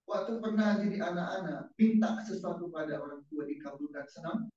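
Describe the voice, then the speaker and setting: A man's voice: on the high side, fairly quick, mellow. A male pastor giving a casual, interactive sermon and quizzing his congregation with questions. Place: church service. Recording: echoey church hall, distant dull mic.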